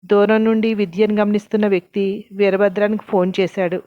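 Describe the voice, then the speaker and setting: A woman storyteller reading a scripted story in a steady narrating voice. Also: mid-range voice, fairly quick, slight background noise. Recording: dull lo-fi recording.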